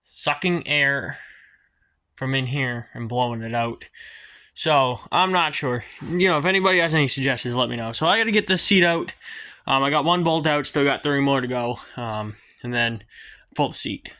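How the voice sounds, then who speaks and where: A man's voice: mid-range voice, normal speed, sharp tone. Chatty New man in his garage. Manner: rambling, hesitant with many ums. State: out of breath at times. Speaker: garage vlogger. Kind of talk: casual workshop vlog. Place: home garage.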